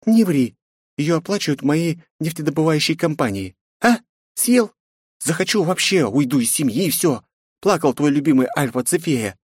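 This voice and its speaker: A man's voice: fairly high pitch, animated, a little mellow, breathy edge, no room sound, clean studio sound, voice pushed up. A man doing a sassy teenage princess. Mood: defiant. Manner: mocking, cheeky, quick retorts. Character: defiant sarcastic eighteen-year-old princess. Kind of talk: audiobook character voicing.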